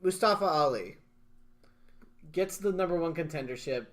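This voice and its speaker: Excitable wrestling podcast co-host, man. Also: fairly high pitch, moderate pace. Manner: excitable, laughs often, leads segments. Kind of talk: casual chat.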